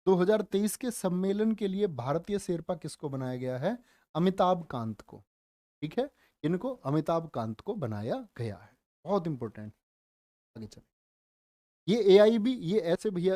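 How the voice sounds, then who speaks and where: A man teaching a live online general knowledge class, speaking slowly and deliberately, repeating facts and quizzing his viewers, with joking asides. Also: sits high, very animated, warm tone, dry recording, clean studio sound. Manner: calls viewers "dear children", joking asides. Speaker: online exam-prep teacher.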